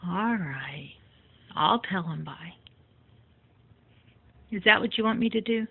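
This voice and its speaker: A woman's voice: mid-range voice, lively intonation, slow pace, vocal fry, slightly rough. A woman at home talking to her pet bird in a coaxing, teasing, sing-song way. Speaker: pet owner. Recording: tinny phone-like audio.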